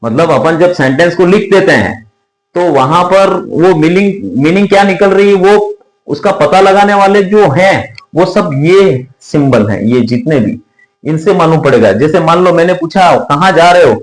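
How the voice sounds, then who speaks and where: A male teacher giving a classroom lecture at a board, explaining slowly, repeating points and asking his students questions. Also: a little high, expressive, reverberant, low-quality recording.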